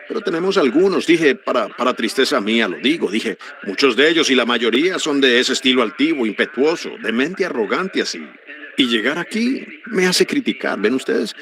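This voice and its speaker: A man preaching a sermon, earnest and animated, breaking into sudden high exclamations. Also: vocal fry.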